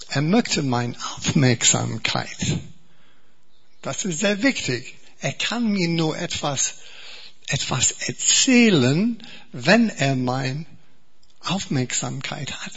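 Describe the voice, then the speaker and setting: An Englishman preaches a sermon in German in a bright, mid-range voice with a breathy edge. He speaks slowly and earnestly, repeating words and restarting phrases, and the recording sounds a little dull.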